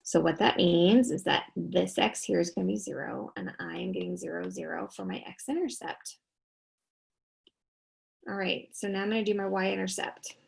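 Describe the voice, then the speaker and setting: A tired woman records a math lesson, working each step aloud and posing questions she answers herself. Her voice is deeply gravelly with plenty of fry. It also has a husky, breathy edge. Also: normal speed, poor audio. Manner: talks students through each step, asking and answering her own questions. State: tired, yawning. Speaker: math teacher.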